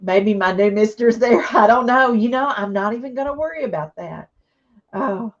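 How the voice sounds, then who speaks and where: A woman whose voice is on the high side talks at a moderate pace on a craft live stream, emotional and in tears. She warmly reads out her viewers' comments and responds to each, though the recording is muffled.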